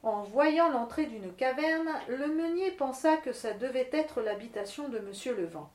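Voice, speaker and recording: A woman narrating a fairy tale in steady, expressive storybook reading. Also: high voice, a little slow, roomy sound.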